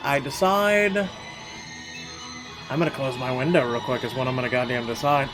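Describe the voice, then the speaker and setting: A man with a medium-pitched voice and moderate pace plays a visual novel, reading its narration aloud dramatically and expressively. He adds casual, sweary remarks as game music plays behind him.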